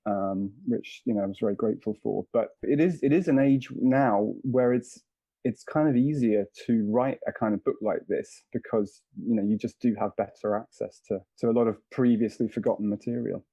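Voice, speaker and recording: A man's voice: fairly low pitch, moderate pace, dark tone, dry recording, highs cut off. A man in his fifties, an author answering interview questions in a hesitant, thoughtful way with many fillers. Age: 50s.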